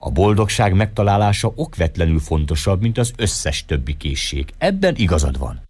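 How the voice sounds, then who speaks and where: A man voicing the old patriarch Noah, speaking slowly and gently, in an audiobook reading. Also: sits low, sing-song, breathy edge, full character voice. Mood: encouraging. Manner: slow, measured.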